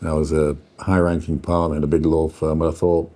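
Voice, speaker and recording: Middle-aged man, very low voice, lively anecdotal interviewee. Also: fairly quick. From Yorkshire, England. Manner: animated anecdotal storyteller. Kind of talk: storytelling interview.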